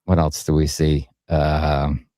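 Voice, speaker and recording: A man's voice: extremely low pitch, flat delivery, slow, dark tone, dry recording, studio quality. A man co-hosting a casual sports podcast, telling stories in a laid-back, profane way. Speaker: podcast co-host.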